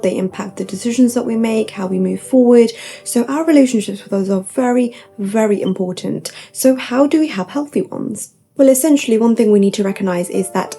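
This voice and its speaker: A woman's voice: mid-range voice, brisk, dark tone, slightly rough, soft background music. A young woman giving upbeat, tidy self-help advice to camera, point by point, with gushing emphasis and repetition.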